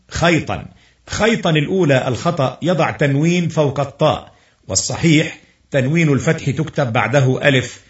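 A man teaching a lesson by reading from a book aloud. He reads slowly and carefully, pausing on fillers. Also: mid-range voice. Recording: roomy, dull lo-fi recording.

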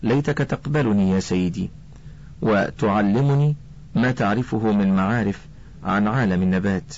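A man's voice: on the low side, brisk, gravelly, a little mellow. A man reading as a curious young boy. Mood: eager. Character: ten-year-old boy, curious, proud painter of flowers. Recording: dull lo-fi recording.

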